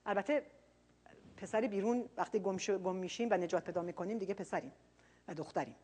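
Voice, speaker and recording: A woman preacher giving a sermon, earnest, dropping quiet and then rising loud for emphasis. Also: mid-range voice, breathy edge.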